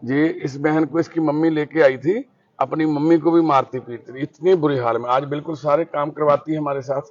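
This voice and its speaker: A man's voice: on the high side, fairly even intonation, fairly quick, muffled recording. A man, a shelter volunteer earnestly counseling a family. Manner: firm, earnest, lecturing.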